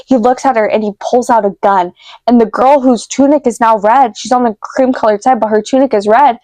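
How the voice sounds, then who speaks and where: A woman vlogger retelling a vivid dream to camera, emotional and halting, with many fillers and restarts. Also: on the high side, steady tone, warm tone, no echo. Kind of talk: casual storytelling to camera.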